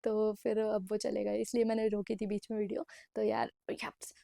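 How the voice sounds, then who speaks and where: A woman's voice: mid-range voice, little pitch movement, a little fast, vocal fry, mellow, no echo, studio quality. A woman in her twenties telling a personal story in a casual vlog, chatty and mixing English phrases into her Hindi. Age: 20s. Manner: chatty, mixes English phrases into Hindi and keeps saying "bhai". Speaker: vlogger. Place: indoor room at night.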